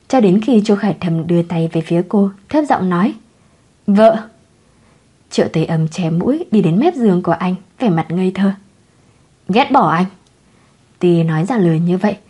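A woman narrating a romance novel in an even, measured storytelling manner. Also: fairly low pitch, breathy edge. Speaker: audiobook narrator.

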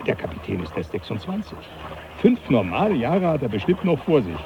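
A man acting in a German radio drama as a jovial, teasing older professor, animated and patronising in an avuncular way. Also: medium pitch, brisk. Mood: gleeful, teasing. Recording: dull radio drama, loud background noise.

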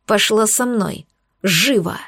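A furious, domineering young demon lord, put on by a woman reading an audiobook. He speaks in a slow, menacing growl at a middle pitch. The sound is dry and close. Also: fairly bright tone, dry recording.

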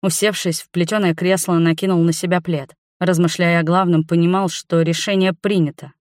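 An audiobook reader narrating a fantasy romance novel in steady first-person storytelling. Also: medium pitch, normal speed, no echo, clean studio sound.

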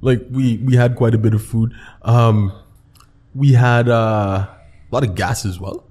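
A man's voice: mid-range voice, fairly even intonation, a little slow, a little mellow, husky. A man hosting a casual group chat on a podcast. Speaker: podcast host. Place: co-working space, indoors.

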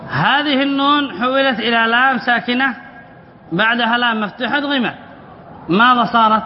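A man's voice: extremely high pitch, moderate pace. A man, a sheikh, teaching Arabic spelling rules in a class, reading a text and explaining it, asking questions and answering them himself. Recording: muffled roomy lecture recording with faint hiss.

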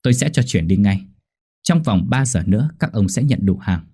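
Brief: cold, smug surgeon villain, dark husky tone, a man doing it. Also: on the low side, lively intonation, normal speed. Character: smug cruel male surgeon, organ trafficker.

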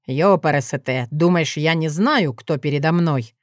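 A woman's voice: deep voice, normal speed, no room sound, studio quality, voice pushed down, natural voice. A woman voicing a haughty adult dragon lord with an ironic, sneering drawl. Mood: sardonic.

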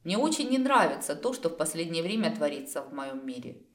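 A quick-tempered goddess creator in a storybook, sharp and ready to flare up, as a woman reads her. Her voice sits low but rises and falls a lot. The room adds a clear echo. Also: sing-song. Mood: troubled. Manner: sharp, hissing when angry.

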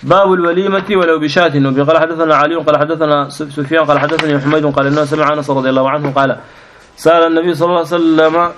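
A man with a Sudanese Arabic accent reading hadith aloud to his teacher in a quick, level recitation, sometimes restarting a word. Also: fairly high pitch, slight background noise. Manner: fast, even reading with small restarts.

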